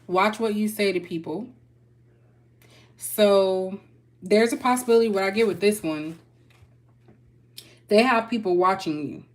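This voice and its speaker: This tarot reader is a young Texan woman with a medium-pitched voice who talks at a measured pace, leaving long pauses. Her reading is relaxed and chatty, and she addresses viewers loosely and folksily, saying "y'all."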